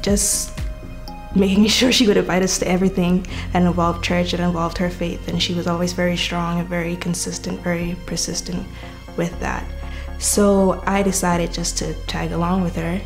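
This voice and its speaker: A woman's voice: lowish voice, little pitch movement, moderate pace, creaky, soft background music. A woman, telling her personal faith testimony in an earnest, thoughtful way. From Caribbean. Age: 20s. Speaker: university student giving testimony.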